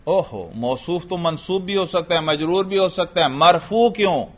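A man's voice: high voice, expressive. A man teaching an Arabic grammar lesson, firing questions at his students and answering them himself. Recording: dull lo-fi recording.

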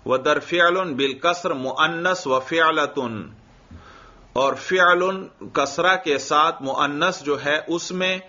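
Male teacher, slow deliberate delivery, reads then explains, lo-fi recording. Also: fairly high pitch, bright, forceful tone. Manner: reads a line of the text, then explains it and quizzes students. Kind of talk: classroom lecture explaining a text. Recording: dull lo-fi recording.

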